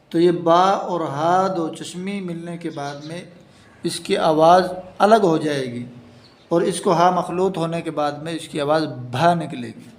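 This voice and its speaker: A man teaching an Urdu reading lesson, slowly sounding out letters and repeating each sound. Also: fairly high pitch. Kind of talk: slow step-by-step reading lesson. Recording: echoey room.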